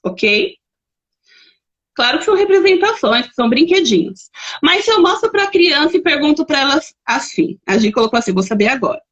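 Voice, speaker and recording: A woman's voice: sits high, very animated, normal speed, fairly bright tone, highs cut off. A woman with a Brazilian Portuguese accent hosting a live-streamed lesson, chatting and reading out viewer comments as she gives examples. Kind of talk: live-streamed teaching talk.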